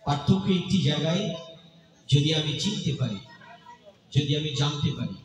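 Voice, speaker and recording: A man delivers a devotional sermon, building rhythmic lists of phrases and sometimes breaking into song. His voice sits fairly high. It rings through a big echoing hall, heard from some distance off the mic. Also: animated, moderate pace. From Bangladesh. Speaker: Bhagavata preacher.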